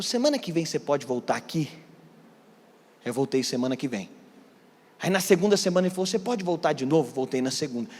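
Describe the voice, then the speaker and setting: A man with a Brazilian Portuguese accent preaching as pastor, telling a story in a sermon and swinging from hushed asides to loud, climbing declarations. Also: a little high. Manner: animated, swings from hushed to shouting. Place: church hall. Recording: long hall reverb.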